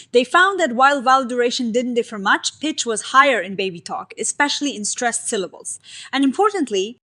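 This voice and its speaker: A woman with a somewhat high voice narrates a science explainer from a script. She lays out research findings in a clear, upbeat way and uses everyday comparisons to make ideas easy to follow. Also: fairly bright tone.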